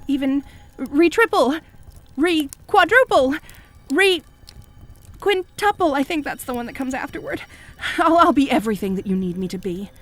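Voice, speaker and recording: A woman playing a fanatical, jealous cult high priestess in an audio role-play, fawning and pleading with stammering devotion. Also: animated, unhurried, fairly bright tone. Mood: eager, devoted. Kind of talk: scripted audio role-play addressed to the listener.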